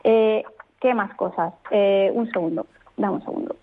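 A woman legal expert speaking as a radio guest, explaining rules in a clear, firm, methodical way. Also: medium pitch, measured pace. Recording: tinny phone line.

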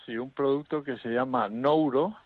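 A man on a call-in radio show, calmly giving health advice to callers and repeating instructions. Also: mid-range voice, moderate pace, no room sound, phone-quality sound. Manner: calm, methodical, repeats dosages.

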